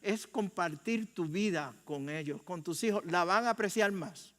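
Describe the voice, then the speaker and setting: A man's voice: sits high, a little slow, fairly bright tone. An older man with a Puerto Rican accent preaching a sermon in a conversational way, asking the congregation questions and joking. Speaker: pastor. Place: church sanctuary. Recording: long church hall reverb.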